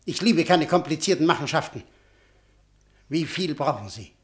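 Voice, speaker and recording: In an old German radio play, an actor voices a blunt, arrogant, wealthy industrialist who speaks curtly and means business. His voice sits on the high side and is expressive, at a normal speed, with a lightly acted quality.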